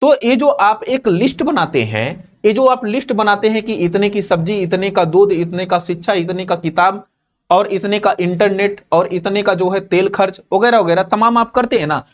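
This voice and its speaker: A man with a noticeably high voice teaching an exam-prep lesson. He explains with household budgets and wedding shopping lists, and often turns a point into a question before answering it himself. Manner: repeats key points as quick questions to the students; calls students "babu" and checks in with "theek hai na?".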